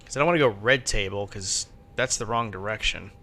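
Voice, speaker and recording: A man's voice: brisk, sharp tone. A man streaming as a virtual pilot, casually thinking aloud and muttering to himself as he works through steps. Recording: faint background noise and low rumble.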